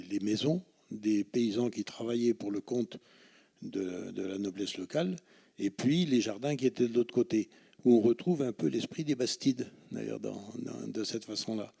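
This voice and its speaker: Dark-voiced man resident making a remark. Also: on the low side, creaky, husky. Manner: careful, detailed, spells out words. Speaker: resident asking a question. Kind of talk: public meeting remark.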